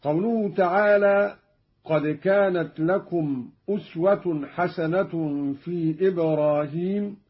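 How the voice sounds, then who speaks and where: Husky man, slow radio recitation lesson. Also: high-pitched. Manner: measured explanation broken by slow chanted recitation. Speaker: Quran recitation teacher. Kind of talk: scripted radio lesson on Quran reading variants. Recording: dull lo-fi old radio recording.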